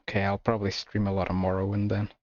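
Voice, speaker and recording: A man with an Irish accent chatting casually with his viewers while streaming a game, relaxed and laughing often. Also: fairly low pitch, quick pace, highs cut off. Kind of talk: casual gameplay chat with viewers.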